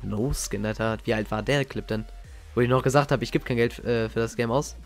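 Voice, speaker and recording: A young man giving casual, slangy reaction commentary as a gaming YouTuber, excitable and reminiscing. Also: medium pitch, brisk. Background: faint game music.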